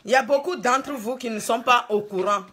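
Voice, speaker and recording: A furious, indignant woman addressing her viewers in an angry monologue, shouting and repeating herself, near tears. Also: fairly high pitch, brisk, husky. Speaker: online commentator.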